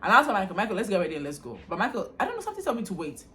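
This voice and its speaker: A woman's voice: medium pitch, racing, a little hiss or hum. A young woman vlogger telling a story about her own life, acting out the voices of the people in it. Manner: animated, acts out quoted lines. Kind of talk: storytime vlog.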